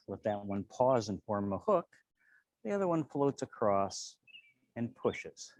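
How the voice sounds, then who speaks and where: A man with a fairly low voice leads a tai chi tutorial. He gives serene, unhurried cues one movement at a time. The sound is very dry, with next to no room in it. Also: darkish tone, no echo. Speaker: tai chi and qigong instructor.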